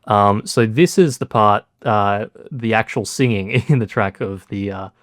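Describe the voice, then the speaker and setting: Male producer, low-ish voice, dry sound, casual and self-deprecating tutorial delivery. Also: a little slow, no echo. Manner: relaxed, lots of fillers, self-deprecating. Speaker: music producer.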